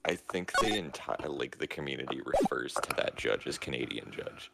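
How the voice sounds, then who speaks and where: A man's voice: rumbling low, sing-song, moderate pace, creaky, very noisy. A man co-streaming a game, chatting casually with dry teasing remarks. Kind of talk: casual let's-play chat. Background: loud game music.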